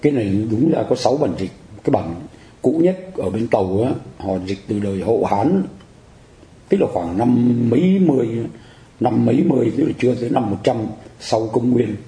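A man's voice: mid-range voice, lively intonation, moderate pace, warm tone, echoey room. A man teaching a Buddhist lecture, explaining terms patiently and often asking the audience whether they follow. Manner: explanatory, repeats phrases, asks the audience for agreement. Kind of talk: dharma lecture.

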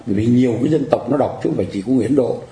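Man, Buddhist lecture, dark gravelly voice, explanatory and repetitive, echoey room. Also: medium pitch, rapid-fire. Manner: explanatory, repeats phrases, asks the audience for agreement. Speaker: Buddhist teacher. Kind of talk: dharma lecture.

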